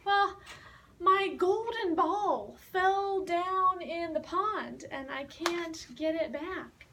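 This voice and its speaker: Brief: woman voicing an eager young princess, high voice, slow storybook pace. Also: fairly bright tone, exaggerated voice. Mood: pleading. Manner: eager and pleading. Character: young princess pleading for her lost ball. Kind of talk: storybook read-aloud for learners. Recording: distant mic with faint hiss.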